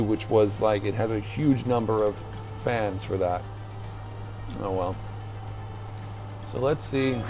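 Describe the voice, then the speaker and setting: A man streams a video game with loose, rambling commentary, thinking aloud haltingly as he reads through the menus. His voice is mid-range with a darkish tone.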